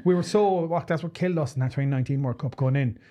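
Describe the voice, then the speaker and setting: A man's voice: medium pitch, fast talker, warm tone. An Irish man giving opinionated, emphatic views as a guest pundit in a studio sports chat.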